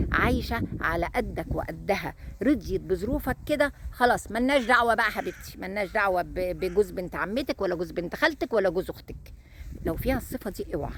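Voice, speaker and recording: A woman's voice: mid-range voice, a little hiss or hum. A woman with an Egyptian accent giving marriage advice in an emphatic way, stressing points by repeating words. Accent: Egyptian Arabic. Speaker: relationship advice host.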